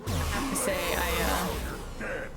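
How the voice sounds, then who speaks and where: A woman game streamer giving casual commentary, chatty, jittery and expressive. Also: on the low side, slow pace, loud music behind the voice. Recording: clear background game noise. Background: video game action.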